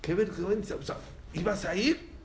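A man's voice: high voice, normal speed, darkish tone, slight background noise, natural voice. A man voicing ashamed students scolding their teacher, in an echoey room. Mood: reproachful. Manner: reproachful.

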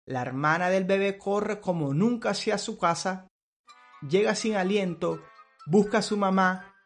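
A man's voice: high-pitched, a little slow, soft background music. A man preaching through a dramatized, theatrical retelling of a story.

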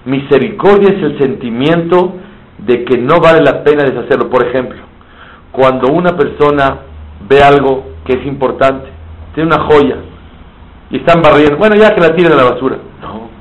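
A man's voice: medium pitch, moderate pace. Man teaching a sermon. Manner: explains terms in Hebrew and Spanish, asks and answers his own questions. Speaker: rabbi teaching Torah. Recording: slightly dull, faint background hiss.

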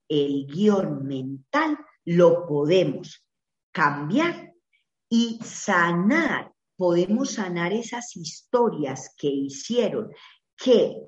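A woman's voice: fairly low pitch, darkish tone. A woman answering an interview question by telling a parable, giving the characters voices, then explaining her point. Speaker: guest speaker. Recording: echoey, dull lo-fi sound.

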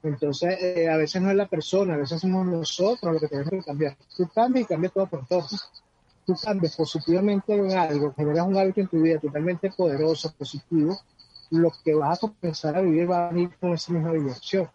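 This man, appearing as a personal-growth guest speaker, talks earnestly and conversationally, frequently repeating words as he hunts for phrasing. His voice is higher, fairly even, brisk, mellow, and husky, captured in dull lo-fi sound with faint background noise.

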